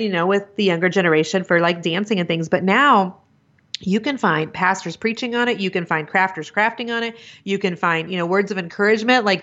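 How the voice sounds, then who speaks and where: Middle-aged woman chatting as a podcast guest, lively, laughs a lot, mid pitch. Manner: chatty and animated, laughs often, quick asides. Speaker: podcast guest, business conference organizer. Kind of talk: casual interview chat. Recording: dull lo-fi sound.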